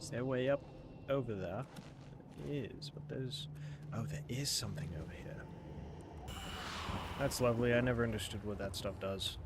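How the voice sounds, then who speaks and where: A man's voice: mid-range voice, moderate pace, long pauses. A young man streaming a game in a put-on British accent, hyper and swearing as he plays. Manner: hyper, swearing, self-mocking. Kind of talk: gaming livestream commentary. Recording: clear background noise.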